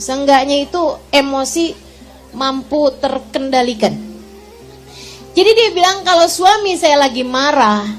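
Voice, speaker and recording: A woman preaches to a gathering of women in a high, bright-pitched voice. She tells stories with animation and keeps putting questions to her listeners. Faint music sits behind her. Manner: animated storytelling with rhetorical questions to the audience. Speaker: religious teacher. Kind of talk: sermon to women.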